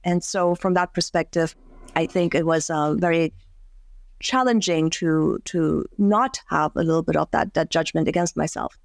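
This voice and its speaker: A woman's voice: low-pitched, moderate pace, gravelly, no room sound. Reflective woman coach, dry sound. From Germany. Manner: reflective, frequent restarts and fillers. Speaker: career and life coach. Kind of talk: podcast interview guest.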